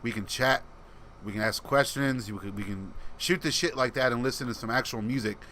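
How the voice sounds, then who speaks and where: Here a man hosts an easygoing livestream, taking chat comments one by one in a loose, rambling way with a voice described as soothing. His pitch sits mid-range, his pace is fairly quick, and his tone is sharp against slight background noise.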